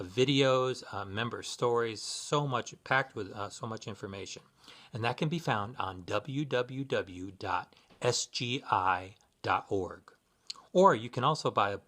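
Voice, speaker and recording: A man giving sincere, measured spiritual guidance in a scripted instructional talk, with occasional fillers. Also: lowish voice, a bit bright. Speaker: Buddhist practitioner giving guidance.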